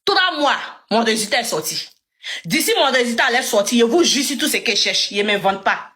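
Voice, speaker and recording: A woman's voice: on the high side, a little fast. A young woman with an Ivorian French accent, telling her story live to viewers and acting out what others said with emphasis. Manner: animated, emphatic, acts out dialogue. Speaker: livestreamer.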